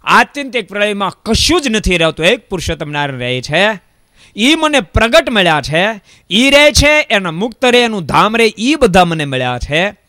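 High, bright-voiced preacher man. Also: moderate pace, no room sound, clean studio sound. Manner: animated storytelling, repeats phrases for emphasis. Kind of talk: religious discourse with parable.

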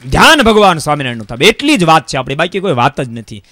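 A man giving a religious discourse, telling a parable in an animated way and repeating phrases for emphasis. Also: a little high, fast talker, no echo, clean studio sound. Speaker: preacher.

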